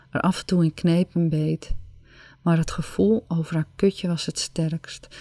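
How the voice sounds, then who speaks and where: A woman narrating an erotic story in a slow, sensual, drawn-out reading. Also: lowish voice, dark tone, no room sound.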